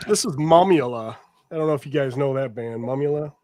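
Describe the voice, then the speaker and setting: A man's voice: mid-range voice, brisk, a crowd in the background. A man chatting casually with friends, showing off records he picked up, rambling a little with fillers as he goes. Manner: laid-back, rambling, trails off with fillers. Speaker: record collector showing his finds. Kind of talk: casual chat among friends.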